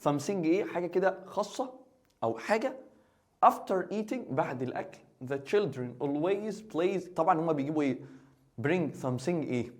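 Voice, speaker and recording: A man's voice: fairly high pitch, expressive. A man teaching English in Egyptian Arabic, joking as he translates and quizzes the student. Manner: quick, joking, asks the student questions. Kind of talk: playful exam-review lesson.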